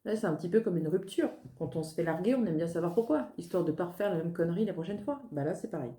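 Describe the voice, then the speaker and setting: A chatty woman works through a card reading in a mellow, warm voice, pitched a little low. She mocks herself as she talks, and her voice rings with the echo of the room. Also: animated, fast talker. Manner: chatty, self-mocking, laughs at herself. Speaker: medium giving a card reading. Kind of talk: casual spoken card reading. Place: indoors at her desk. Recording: roomy echo.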